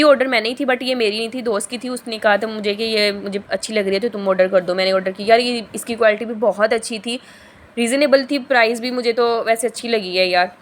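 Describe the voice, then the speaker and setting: Young woman, from Pakistan, hoarse sore-throat voice, somewhat high-pitched, casual haul vlog, rambling, self-correcting. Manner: chatty, rambling, often corrects herself mid-sentence. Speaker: vlogger.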